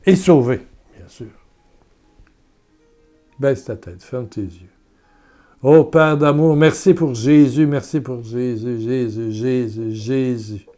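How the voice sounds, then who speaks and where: A man with a Québécois French accent preaching a sermon and leading a guided prayer. He is earnest and repetitive, swinging from loud urging to soft murmurs. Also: mid-range voice, slow, pauses often, soft background music.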